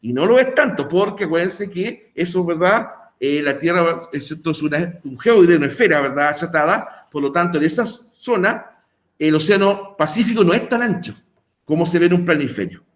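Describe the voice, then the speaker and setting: High-voiced teacher, rambling. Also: male voice, expressive, moderate pace. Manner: rambling, filler-heavy, checks in with "¿verdad?" and "¿ya?". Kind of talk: recorded online class explanation.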